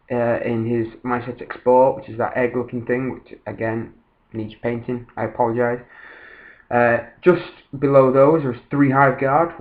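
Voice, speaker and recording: Man far from a muffled laptop microphone. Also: medium pitch. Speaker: tabletop wargamer presenting a battle report. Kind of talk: casual narrated game recap. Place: voice-over recorded at a laptop. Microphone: built-in laptop microphone, a little far away. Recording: band-limited laptop built-in microphone, slightly distant.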